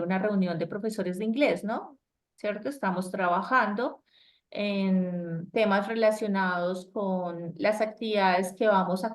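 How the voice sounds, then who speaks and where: A woman, teaching an English class over a video call, explaining grammar patiently and often checking in with her students. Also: mid-range voice.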